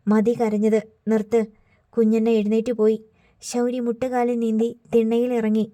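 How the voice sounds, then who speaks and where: Gentle woman narrating a story. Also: fairly high pitch. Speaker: audiobook narrator.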